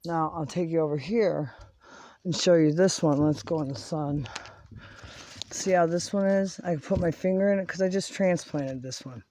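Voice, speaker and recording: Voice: medium pitch, warm tone. A home gardening vlogger giving a casual hands-on demonstration, chatty and rambling as they work, filmed partly outdoors on a handheld phone. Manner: chatty and rambling, talks while working. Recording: noisy home video with handling clicks.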